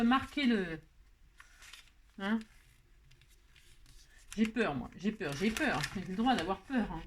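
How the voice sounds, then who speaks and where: A woman's voice: on the high side, background noise. A woman hosting a crafting tutorial, chatting playfully and talking to herself while she works. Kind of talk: casual craft tutorial talk.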